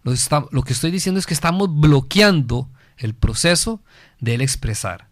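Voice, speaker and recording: A man's voice: fairly high pitch, lively intonation, normal speed, no room sound, clean studio sound. A man from Costa Rica with a Costa Rican accent, hosting a family guidance program and lecturing earnestly on parenting, often asking himself questions and answering them. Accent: Costa Rican Spanish. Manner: earnest, rhetorical questions, repeats phrases for emphasis. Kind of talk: didactic talk on parenting.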